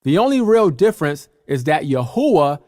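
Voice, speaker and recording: A man teaching from slides, explaining clearly and step by step. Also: on the high side, sing-song, moderate pace, darkish tone, dry recording, studio quality.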